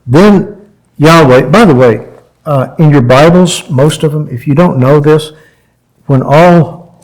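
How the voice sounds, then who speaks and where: A man's voice: medium pitch, a little mellow, low-quality recording. A man teaching a sermon to a live audience in a casual, conversational way, often asking questions and voicing quotes. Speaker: Bible teacher.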